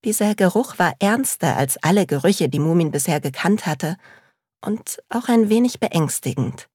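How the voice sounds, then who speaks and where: A woman narrating a storybook in a slow, calm, measured reading. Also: lowish voice, slightly rough, no echo, clean studio sound.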